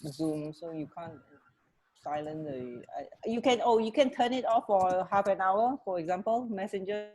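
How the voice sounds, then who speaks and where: A middle-aged woman co-hosts a radio show from her home living room, which has stairs, chatting casually and hesitantly over a video call. Her voice is medium in pitch and a little mellow, at a moderate pace, picked up by an earphone mic.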